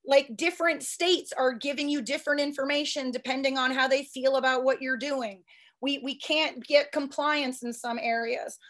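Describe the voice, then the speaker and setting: A woman who is a statistics professor giving a quick, eager conference talk with frequent restarts. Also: high-pitched, steady tone, a bit bright. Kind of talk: fast conference presentation.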